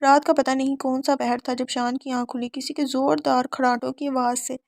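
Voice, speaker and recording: A woman's voice: high-pitched, flat delivery, gravelly, a little mellow, no room sound, clean studio sound. A woman narrating a romance novel for an audiobook, telling the story steadily.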